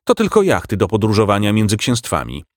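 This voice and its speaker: A man's voice: fairly low pitch, huge pitch swings, brisk, no room sound, studio quality. A man voicing a haughty, knowing male guide who answers dismissively. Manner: dismissive, slightly mocking.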